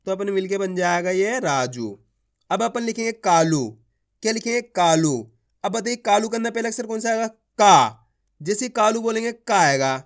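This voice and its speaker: A man teaching a beginners' spelling lesson, drawing out each word and asking and answering his own questions. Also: high-pitched. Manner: drawn-out words, repeats each word to the learner; addresses viewers as friends, asks and answers his own questions. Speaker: Hindi teacher.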